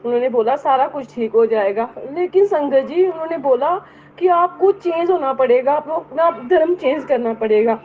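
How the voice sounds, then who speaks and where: A woman's voice: high-pitched, moderate pace. A middle-aged woman giving an earnest personal testimony to a congregation, often addressing her listeners directly. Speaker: devotee sharing a testimony. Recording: tinny phone-like audio, faint hiss.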